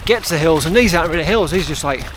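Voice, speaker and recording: A man's voice: fairly high pitch, expressive, racing, a bit bright. British man chatting on a run, noisy outdoors. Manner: wry, self-deprecating, dry understatement; talking on the move while out running. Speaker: trail running vlogger. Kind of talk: casual vlog chat to camera. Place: outdoors on open moorland hills.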